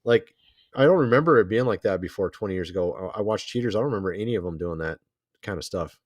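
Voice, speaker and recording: A man co-hosting a casual reaction chat, talking loosely and filling his sentences with "like." His voice sits on the low side. It sounds dry and close. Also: expressive, fast talker, no echo. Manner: loose, filler-heavy, says "like" a lot. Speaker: co-host.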